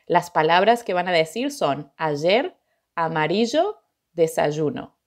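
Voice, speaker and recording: An Argentine woman teaching an online Spanish lesson, explaining clearly and deliberately and asking rhetorical questions. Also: on the low side, sing-song.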